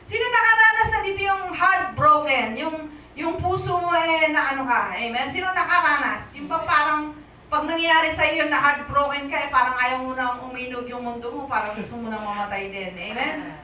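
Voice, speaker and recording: A Filipino woman pastor preaches conversationally, frequently asking her congregation "amen?" in a high, bright, forceful voice at normal speed. She is recorded from a distance in an echoey church hall.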